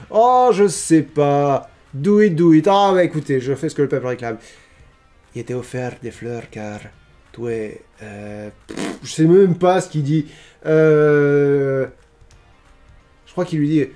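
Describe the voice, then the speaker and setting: Brief: chatty male streamer, fairly high voice, mellow tone, halting casual recap. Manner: hesitant, many restarts, chatty. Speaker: streamer reviewing wrestling. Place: home streaming setup. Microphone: streaming microphone.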